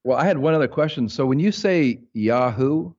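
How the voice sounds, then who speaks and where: A man's voice: a little high, animated, fast, a little mellow, dull audio. An American man hosting a podcast, a clinician talking casually and enthusiastically with his guest. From United States. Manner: enthusiastic, affirming.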